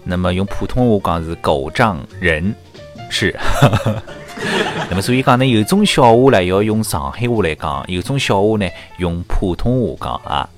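A man's voice: lowish voice, normal speed, faint music behind. A man with a Shanghainese accent hosting a joke-telling show, mixing Shanghainese and Mandarin and laughing at his own punchlines. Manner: lively, switches between Shanghainese and Mandarin, laughs at own jokes. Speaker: radio-style comedy host.

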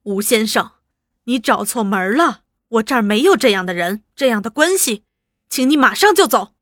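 A guarded young woman speaks sternly and briskly, pitched fairly high, cutting off an unwelcome visitor, as a woman narrator plays her. The sound is dry and close. Audiobook drama reading. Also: expressive, no room sound. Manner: stern, clipped, rising to sharp commands. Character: sharp, wary young woman standing her ground.

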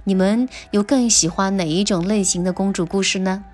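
A woman storyteller reading a children's picture book aloud, gentle and clear in her manner. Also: mid-range voice, moderate pace, faint music behind.

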